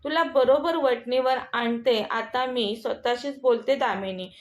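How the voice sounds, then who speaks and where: A woman's voice: a little high, a little slow, close to an everyday voice. A woman voicing a proud, cruel rich mother-in-law who taunts and scolds, recorded in an echoey room. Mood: taunting.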